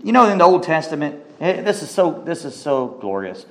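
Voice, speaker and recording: A man preaching a sermon, animated, rising to high emphatic peaks and stretching key words slowly, with brief laughs between points.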